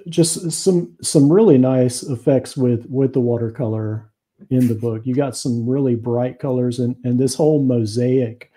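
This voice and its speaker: A man hosting an interview over a video call, asking questions in a halting way with many fillers. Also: medium pitch, steady tone, dark tone. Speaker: show host.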